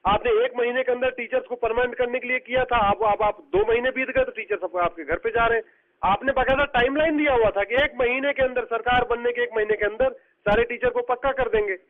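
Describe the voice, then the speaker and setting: A man's voice: very high voice, brisk. A man speaking as a party spokesman in a heated live phone interview, combative and mocking, firing off accusations. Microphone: telephone. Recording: tinny phone line.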